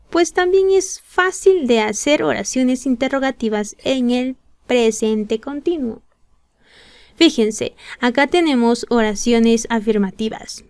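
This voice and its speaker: A woman walks through an English lesson in a patient, step-by-step voice-over. Her voice sits a little high and she talks slowly, lingering on every example. The recording is dry and close. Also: a little mellow, dry recording. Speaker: English teacher. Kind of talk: slow explanatory lesson narration.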